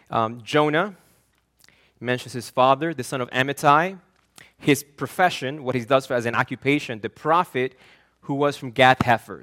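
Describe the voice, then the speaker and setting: A man's voice: mid-range voice, a bit bright. A man from Argentina, a pastor preaching an earnest, emphatic sermon that often repeats and restarts words.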